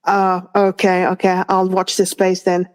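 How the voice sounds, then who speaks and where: Woman, from France, thirties, casual co-host chat, slow unhurried pace, hesitant with fillers. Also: lowish voice, monotone. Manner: hesitant, many fillers and restarts. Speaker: podcast co-host.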